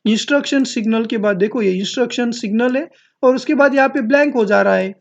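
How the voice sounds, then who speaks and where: A man teaching a class, reading English lines slowly and explaining each phrase. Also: extremely high pitch, creaky. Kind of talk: explaining an English text in Hindi. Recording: dull lo-fi audio.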